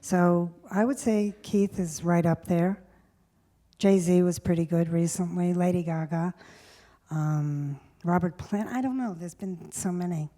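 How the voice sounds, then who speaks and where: Woman in her 60s, onstage guest, relaxed reminiscing chatter, soft mellow timbre. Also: lowish voice, a little slow. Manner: chatty, reminiscing, laughs often. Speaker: music journalist, guest. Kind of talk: onstage conversation. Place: stage before a live audience.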